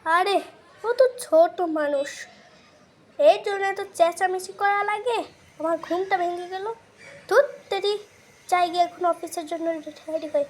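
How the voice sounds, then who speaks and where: A girl voicing a tired, easygoing father in a doll-play skit, speaking calmly to smooth things over. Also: extremely high pitch, moderate pace, pauses often. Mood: grumbling.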